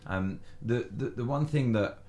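A man co-hosting a podcast, asking questions in a halting, hesitant way. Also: medium pitch, a little mellow. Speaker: podcast co-host. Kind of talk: casual interview questions.

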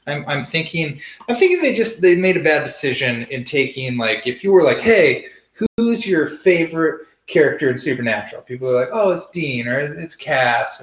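A man's voice: mid-range voice, a bit bright, echoey room, rough recording. A man hosting a casual TV review, rambling, sarcastic and profane. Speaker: TV review host. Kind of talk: casual spoiler review chat.

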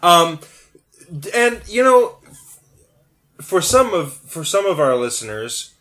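A man's voice: high voice, big pitch swings, a bit bright. A male podcast co-host in casual chat. He hesitates often, restarting phrases and filling gaps with ums. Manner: halting, full of ums and restarts.

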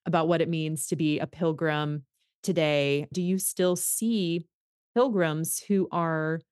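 A woman from the United States hosts the conversation, posing earnest and curious questions. Her voice is smooth and a little low, and it is recorded dry and close with no room around it. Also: steady tone, slow, darkish tone, dry recording. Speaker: podcast host.

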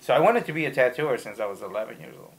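A man in his thirties from Ecuador, a tattoo artist talking as a guest in a casual interview, telling animated, rambling stories with plenty of profanity. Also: medium pitch, rapid-fire.

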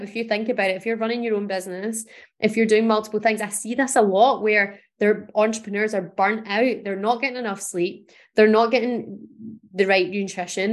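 A woman from Scotland hosting a podcast, giving an earnest, encouraging motivational talk. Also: mid-range voice. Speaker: podcast host.

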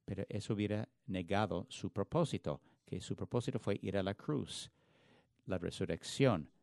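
A man's voice: on the low side, moderate pace, gravelly, a little mellow, no room sound. A man preaching a sermon in an earnest, emphatic way, often restarting words mid-phrase. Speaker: pastor.

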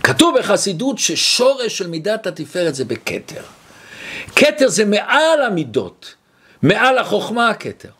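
Male torah teacher, religious lesson, high voice, very lively pitch, animated storytelling. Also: breathy edge. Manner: animated, acts out the people in his stories.

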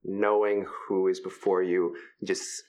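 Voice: deep voice, flat delivery, slow, a little mellow. A game master narrating a tabletop role-playing game with dramatic, suspenseful scene-setting. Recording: music behind the voice.

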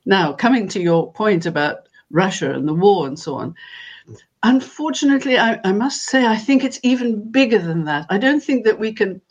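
Female interviewee with a mid-range voice; earnest, emphatic delivery, making points deliberately and with repetition. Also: medium pitch, lively intonation, breathy edge, dull audio. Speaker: interviewed guest and spokesperson for an organisation. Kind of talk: earnest interview answer on world affairs and spirituality.

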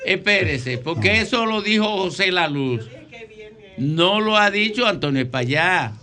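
A Dominican man hosting a call-in radio show, joking and briskly cueing one caller after another. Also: high-pitched, lively intonation, bright, forceful tone. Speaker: radio talk show host. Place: radio studio.

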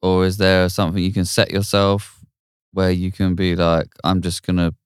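A man co-hosting a podcast asks questions in a loose, curious way, full of casual fillers. His voice sits very low and sounds smooth and resonant. It is recorded close and dry. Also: flat delivery, moderate pace, dry recording. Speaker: music producer, co-host. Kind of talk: podcast conversation.

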